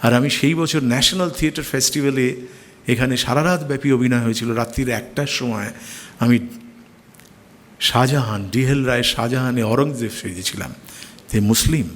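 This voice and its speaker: A middle-aged man, a stage actor, telling stories in an anecdotal lecture with expressive, animated delivery. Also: mid-range voice, moderate pace. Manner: expressive storyteller, quoting his mother in animated bursts. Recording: long hall reverb.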